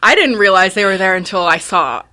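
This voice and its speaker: A woman's voice: mid-range voice, lively intonation, fairly quick, sharp tone. A young woman co-hosting a casual book podcast, chatty and rambling with lots of fillers and restarts. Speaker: podcast co-host. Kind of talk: casual chat.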